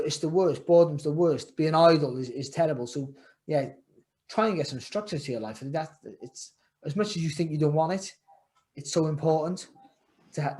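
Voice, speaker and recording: Talking from a room in his home over a video call, a middle-aged former boxer from Wales is a guest in a casual podcast interview. His voice is a little high for a man with a darkish tone. Earnest in manner, he doubles back, repeats and restarts phrases, and grows emphatic on the lines that matter.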